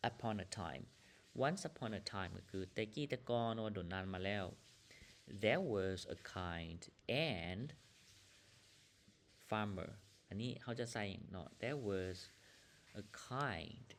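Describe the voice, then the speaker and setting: A man's voice: low voice, expressive, very slow, slight background noise. A man from Laos teaching an English lesson, reading each English phrase and then explaining and translating it. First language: Lao.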